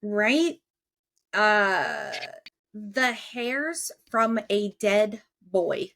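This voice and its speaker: A woman's voice: mid-range voice, animated, extremely slow, vocal fry, a bit bright, slight background noise. A young woman hosting a podcast in casual, chatty talk, laughing often. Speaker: podcast host.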